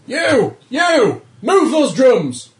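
A man's voice: very high voice, big pitch swings, extremely slow, reverberant, voice pushed up, exaggerated voice. A man voicing a male expedition leader who barks urgent commands at his crew. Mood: urgent shouting.

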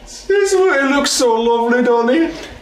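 Man putting on a high, maudlin drunk, echoey room. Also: lively intonation, measured pace. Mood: wistful, pleading. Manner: sentimental, drunken, plaintive. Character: maudlin drunk man mourning his beloved pet poodle. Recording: roomy echo.

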